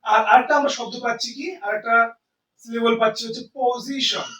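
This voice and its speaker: A man teaching English grammar to students in Bengali and English, explaining slowly and answering his own questions. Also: extremely high pitch, fairly even intonation, sharp tone, reverberant, distant mic, a little hiss or hum, rough recording. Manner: explains slowly, asks and answers own questions, often says "ঠিক আছে". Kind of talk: classroom lecture in Bengali and English.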